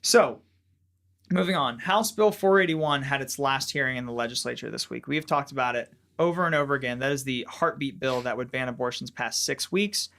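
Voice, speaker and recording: A man's voice: mid-range voice, fairly quick, gravelly, sharp tone. A man hosting a casual political podcast panel, talking things through with fillers. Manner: conversational, thinking aloud with filler words. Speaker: podcast host.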